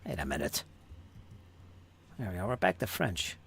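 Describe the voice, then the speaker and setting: Gravelly, lively-voiced man chatting. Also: sits low, normal speed. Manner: muses aloud over pronunciation, chatty and joking. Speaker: channel host painting miniatures. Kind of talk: casual chat while painting.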